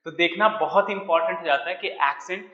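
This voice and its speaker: A man's voice: sits high, fairly quick, bright, forceful tone. A man teaching a French lesson, explaining step by step and often checking that students follow. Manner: explains in Hindi mixed with English, with frequent check-ins. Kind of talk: online language lesson. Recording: echoey, roomy, muffled recording.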